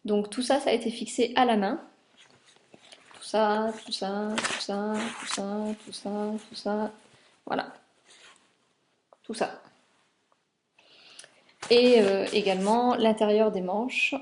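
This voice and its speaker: A woman's voice: mid-range voice, steady tone, slow, pauses often, darkish tone, slight background noise. A young woman from France chatting casually about garments she sewed, with many fillers as she shows the details. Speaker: sewing vlogger. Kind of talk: casual chat.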